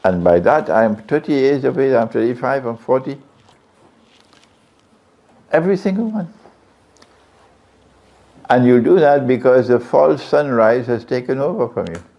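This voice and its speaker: A man's voice: expressive, measured pace, creaky, long pauses. A man preaching a sermon, questioning his audience often. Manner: questions the audience, varies his pitch widely. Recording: lo-fi, dull sound.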